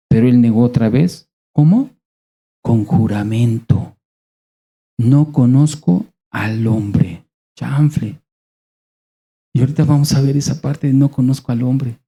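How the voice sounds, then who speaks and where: Dark-voiced Mexican preacher. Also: male voice, medium pitch, husky. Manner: conversational, rhetorical questions, dramatic pauses. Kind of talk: sermon.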